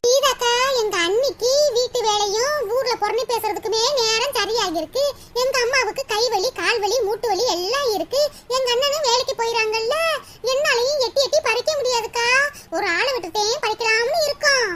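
A woman's voice: very high voice, fairly quick, fairly bright tone, a little hiss or hum. A woman voicing a sweet, tearful young village woman in a cartoon comedy, pleading and sobbing as she confides in an older neighbor. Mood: plaintive. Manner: pleading, sobbing, calls elder "akka". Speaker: cartoon character voice.

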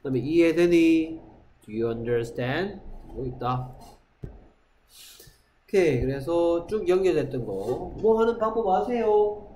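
A male English teacher, giving a classroom lecture and drilling English phrases slowly. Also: fairly high pitch, animated, a little hiss or hum, low-quality recording. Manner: drills phrases slowly, acts out loud quarrels with students.

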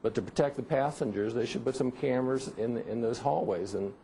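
Mellow, measured older lawyer. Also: male voice, medium pitch, a little hiss or hum, rough recording. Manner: measured, halting, restarts often. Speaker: maritime injury lawyer. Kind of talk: remote news interview. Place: remote TV studio.

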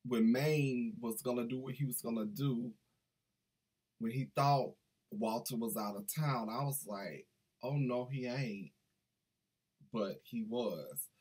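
Enthusiastic middle-aged man, husky voice. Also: medium pitch. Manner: enthusiastic, chatty, digressive. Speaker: book reviewer. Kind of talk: casual book review vlog. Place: small indoor room with banners.

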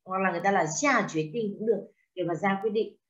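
In a classroom lecture captured with dull lo-fi sound, a woman teaches translation at a quick pace and medium pitch. She questions her students and explains terms, mixing in foreign words.

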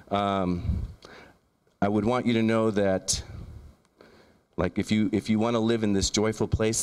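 A man's voice: on the low side, a little mellow. A man in his thirties giving an earnest keynote talk with a handheld mic in a large lecture room, often restarting and repeating words as he lists ideas. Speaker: keynote speaker. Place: large lecture room, in front of a projection screen. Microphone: handheld microphone.

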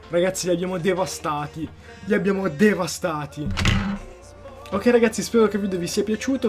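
A young man with a fairly high voice commentates his football video game match from home at night. He is excitable, repeats his phrases and breaks into shouts at every goal, with faint music playing underneath. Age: young, still in school. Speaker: gaming YouTuber.

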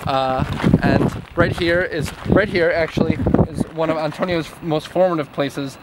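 A young man chats casually with friends outside, his slightly high voice full of jokes and rambling asides. Heavy traffic and wind noise all but drown the recording. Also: steady tone, a little slow. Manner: joking, rambling, many "like" fillers. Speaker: friend on a sightseeing trip. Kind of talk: casual chat among friends. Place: outdoors at a scenic overlook by a bridge.

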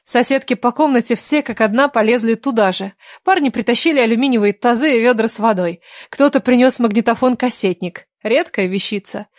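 A woman's voice: fairly high pitch, fairly quick, few pauses, no room sound. Woman narrating an audiobook, dry close voice. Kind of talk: scripted narration.

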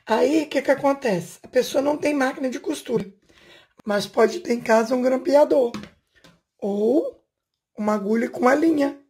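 A craft channel host with a high-sitting, darkish voice talks at a moderate pace, chatting casually as she works with her hands indoors in a home room. She explains a home craft step by step in a hands-on tutorial, tossing questions to the viewer along the way.

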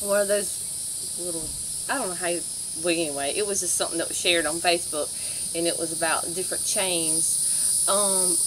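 Chatty woman in her forties, lively. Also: on the low side, fairly quick, background noise. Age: 40s. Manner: chatty, laughing, colloquial. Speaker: co-host. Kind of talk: casual chat. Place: outdoors in a wooded yard.

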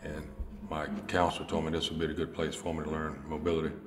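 A man's voice: a bass voice, completely flat delivery, fast talker. An older man telling his own experience plainly in an interview, recorded in an echoey room with music behind. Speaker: rehabilitation client. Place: indoor room at a table.

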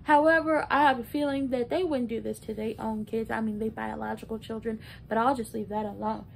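Talking like a video blogger from a small indoor bedroom, this early-twenties woman delivers casual, opinionated and emphatic recap commentary. Her tone is steady with vocal fry at a fairly quick pace, amid room noise and a low rumble.

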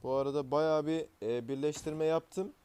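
A man's voice: fairly high pitch, fairly even intonation, moderate pace, mellow, slight background noise. A man hosting casual gameplay commentary, talking in an exasperated, grumbling and slangy way while he plays. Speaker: gaming channel host.

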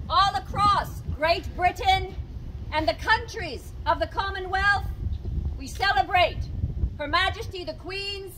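Slow, very high-pitched woman town crier proclaiming. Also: fairly bright tone. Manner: declamatory, formal, projecting outdoors. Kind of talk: ceremonial proclamation. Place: outdoors on building steps before onlookers. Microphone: camera a few metres away. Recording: noisy outdoor recording from camera.

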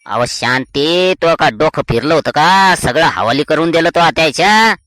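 A man's voice: fairly high pitch, animated, moderate pace, pushed and bright, dry recording, studio quality. A man voicing a scolding village husband. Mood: exasperated. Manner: exasperated, scolding.

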